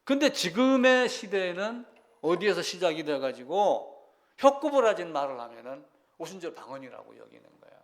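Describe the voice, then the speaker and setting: Preaching in a high, sing-song voice at normal speed, this male pastor keeps his sermon conversational. He quizzes the congregation and moves back and forth between forceful emphasis and hushed asides.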